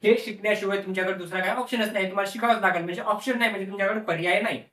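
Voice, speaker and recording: A man's voice: high voice, steady tone, rapid-fire, sharp tone. A male teacher explaining a lesson, repeating each word several times and asking the class questions that he then answers himself. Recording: echoey room, voice from a distance.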